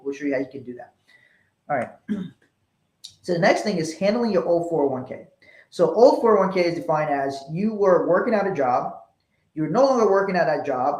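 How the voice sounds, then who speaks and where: The speaker is a man from Liberia, West Africa, with a fairly high pitch and darkish tone, giving a financial webinar. His delivery is conversational and explanatory, and he acts out dialogue to illustrate ideas. The recording echoes with room sound.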